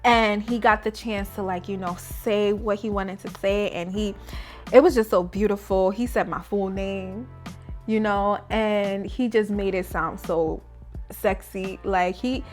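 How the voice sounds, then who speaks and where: A woman's voice: medium pitch, fairly even intonation, unhurried, darkish tone, soft background music. A young woman vlogger chatting casually through a story, full of fillers and acting out her own thoughts. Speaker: beauty vlogger. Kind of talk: casual storytime while doing makeup.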